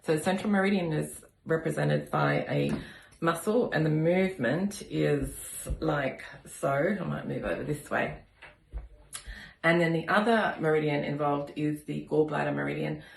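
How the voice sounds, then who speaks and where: Low-pitched woman, gravelly voice, has a cold, calm explaining tone, echoey room. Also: a little hiss or hum. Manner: calm, explanatory, counts slowly. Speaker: kinesiology practitioner. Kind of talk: demonstration with instruction.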